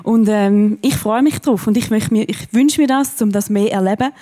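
A woman's voice: mid-range voice, moderate pace, mellow. A woman preaching a sermon from a church stage, earnest and encouraging, with emphatic rises in her voice.

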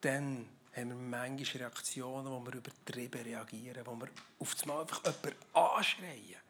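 A preacher with a Swiss German accent giving a lively, joking and conversational sermon who often turns to ask the audience questions. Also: medium pitch, a little fast, a little hiss or hum.

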